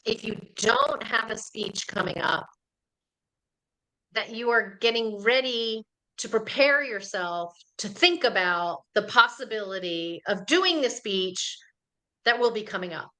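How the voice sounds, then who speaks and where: A woman presenting a speaking workshop on a video call, lively and laughing between points. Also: fairly high pitch, a little slow, poor audio. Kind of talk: live online workshop talk.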